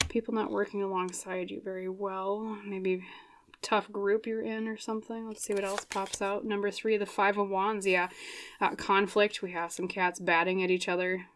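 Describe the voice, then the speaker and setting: A young tarot reader chats casually through a reading, thinking aloud with lots of fillers and quick laughs. Her medium-pitched voice shows little pitch movement and is turning a bit scratchy.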